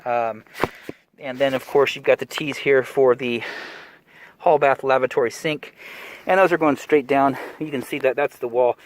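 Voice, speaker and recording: A man's voice: medium pitch, steady tone, slight background noise. A man, a plumbing contractor, giving a casual, rambling job-site walkthrough in a cramped attic, out of breath behind a mask. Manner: quick, rambling, with fillers and restarts.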